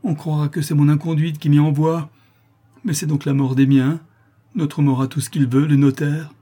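A man's voice: on the low side, normal speed, mellow, breathy edge. A man voicing a poor, haggard artisan father who cries out in despair. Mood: anguished.

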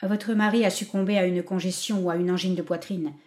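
A woman reading aloud voices a gentle male doctor, her speech lower and hushed. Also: steady tone, fairly quick, close to an everyday voice. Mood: grave. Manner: low, hushed and soothing.

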